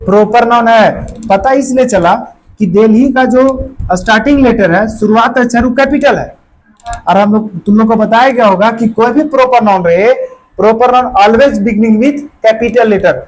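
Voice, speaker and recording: Guy teaching grammar in a classroom, high voice, keeps quizzing the kids and repeating stuff, a little background hum. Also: moderate pace, rough recording. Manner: quizzes students with constant questions; colloquial, repetitive drilling.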